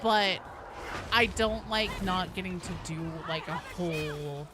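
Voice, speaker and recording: A woman streamer with a lowish voice takes her time, heavy background noise surrounding her. While playing she keeps up casual live commentary for viewers, blunt and sweary and given to dramatic flourishes, with the game's sounds behind her.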